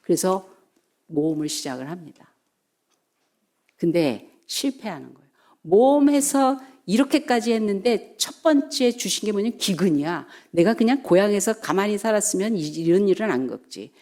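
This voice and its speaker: A middle-aged woman pastor preaching a sermon, telling the story in a lively way and acting out the voices of its people. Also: mid-range voice, normal speed. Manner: animated storytelling, acts out quoted voices.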